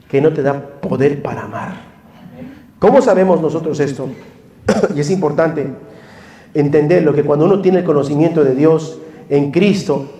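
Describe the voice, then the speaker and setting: A man with a Mexican Spanish accent preaching a sermon, swinging between loud pleading and hushed confession. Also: fairly high pitch. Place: church hall. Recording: echoey room.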